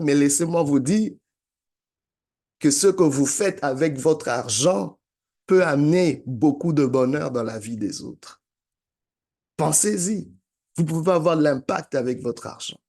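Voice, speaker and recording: Man, motivational speaker, slightly high voice, slow deliberate delivery, repeating phrases for emphasis. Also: darkish tone. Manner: emphatic, repetitive preaching cadence. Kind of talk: motivational sermon-style talk.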